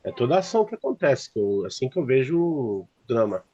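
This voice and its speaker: A man who is a student answers a class question over a video call, his audio stalling and stuttering as the connection buffers. He speaks haltingly and restarts his phrases. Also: mid-range voice, big pitch swings, warm tone, slightly rough, highs cut off.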